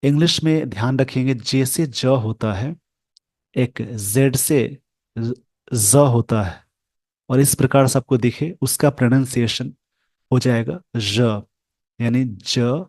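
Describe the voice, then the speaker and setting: Over a screen share, a man teaches English pronunciation, speaking slowly and carefully and repeating sounds for his learners. His voice is mid-range, with no echo.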